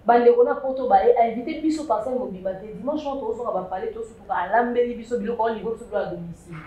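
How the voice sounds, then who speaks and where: A woman, chatting lively on a talk show panel, with emphatic bursts. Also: a little high, fast. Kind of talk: casual chat show commentary. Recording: echoey room with faint noise.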